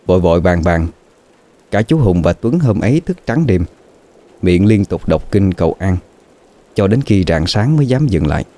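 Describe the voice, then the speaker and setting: Deep dark guy reading a horror story, lots of rise and fall, draggy spooky pacing. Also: very animated. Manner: slow, dramatic, suspenseful. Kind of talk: scripted horror story narration.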